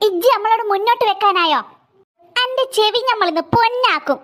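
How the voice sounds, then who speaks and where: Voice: very high voice, lively intonation, fairly quick, a little hiss or hum. A performer voicing a strict elderly aunt who scolds a boy sharply, with a Malabar Malayalam accent. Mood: scolding. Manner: sharp, scolding, ear-pulling threats.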